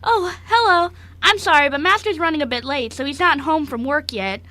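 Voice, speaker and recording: In an amateur radio show recording, a woman with a high, slightly fast, pushed and bright voice plays a clumsy, anxious young dog-boy servant. The character comes across as sheepish and polite, apologetic and easily flustered.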